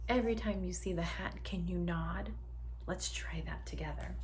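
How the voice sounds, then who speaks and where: A teacher whose voice sits on the low side reads a picture book at a moderate pace to young children. She is animated, drawing out sound words and getting the kids to join in, with some noise in the background.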